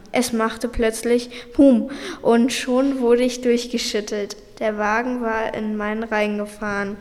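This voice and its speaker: A woman slowly and deliberately reading a short story aloud. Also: a little high. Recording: recording with long reverb.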